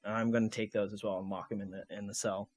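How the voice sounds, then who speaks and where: Hesitant low-voiced male player. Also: little pitch movement, quick pace, a little mellow. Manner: hesitant, full of ums and restarts. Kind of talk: casual tabletop game play.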